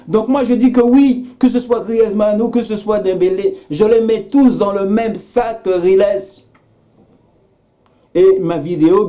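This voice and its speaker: Earnest man with a bright voice. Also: on the high side. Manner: earnest, repetitive, many hesitations, addresses another creator by name. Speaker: YouTube commentator. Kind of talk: direct-address video commentary.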